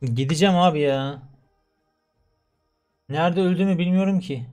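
A young man commentating his own gameplay, shouting in exasperation at losses and muttering to himself in quieter stretches. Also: on the high side, moderate pace, faint music behind. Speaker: gaming YouTuber.

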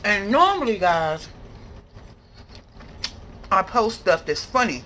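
A woman's voice: medium pitch, sing-song, takes it slowly, pushed and bright. An American woman chatting casually and emphatically to viewers in slangy phrasing, talking between mouthfuls as she eats. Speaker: mukbang vlogger. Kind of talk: casual chat to viewers while eating. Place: indoor room at a table. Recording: clear background noise, clattering cutlery and dishes.

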